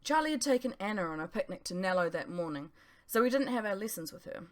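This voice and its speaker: A woman, the author, narrating her novel aloud in a measured first-person storytelling manner. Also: mid-range voice, animated. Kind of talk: audiobook narration.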